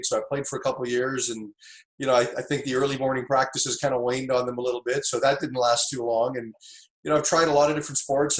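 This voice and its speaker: As an interview guest, a middle-aged football coach from Tanzania tells the story of how he got into coaching, speaking at a mid pitch. His manner is easygoing and reflective, often circling back with fillers and restarts, and the room echo is noticeable.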